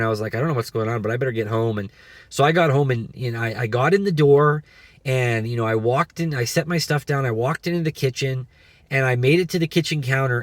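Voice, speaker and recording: A man's voice: medium pitch, no echo. Earnest man sharing a faith testimony. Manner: earnest, repetitive, many restarts. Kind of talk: personal testimony and exhortation.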